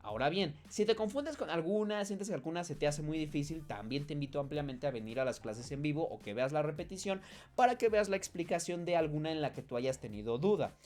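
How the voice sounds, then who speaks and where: A man teaching an English lesson in a chatty, encouraging way, slowing down to model English phrases. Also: fairly high pitch, expressive, a little mellow, faint music behind. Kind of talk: casual online lesson.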